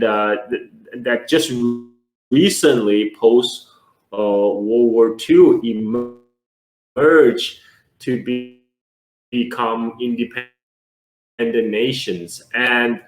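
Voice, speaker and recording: Mid-pitched male guest in his forties from China, reflective and chatty; roomy, echoing recording. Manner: thoughtful, conversational. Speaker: podcast guest. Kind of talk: casual interview. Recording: echoey room.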